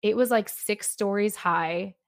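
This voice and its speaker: A woman's voice: medium pitch, a little slow, no room sound, clean studio sound. Upbeat, chatty woman host in her thirties, casual interview tone. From United States. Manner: upbeat, chatty, lots of restarts and "like". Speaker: podcast host.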